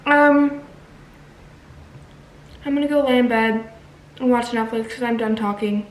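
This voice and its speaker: A woman's voice: fairly high pitch, unhurried, echoey room, slight background noise, rough recording. A woman recovering from wisdom teeth removal, chatting casually to camera as she narrates her meals in a food vlog. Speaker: food vlogger.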